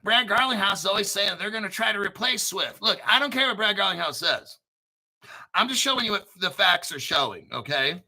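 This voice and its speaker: Guy doing informal crypto commentary, high voice w lots of gravel, excitable n sweary. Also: a little fast, poor audio. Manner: excitable, swearing, sarcastic asides; frequent throat clearing. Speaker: crypto video host. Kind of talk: informal commentary reading through articles.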